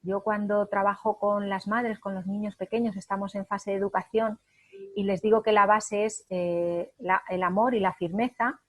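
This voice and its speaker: A woman's voice: medium pitch, steady tone, normal speed. A woman parenting coach giving an emphatic spoken lesson, illustrating her points with short acted examples.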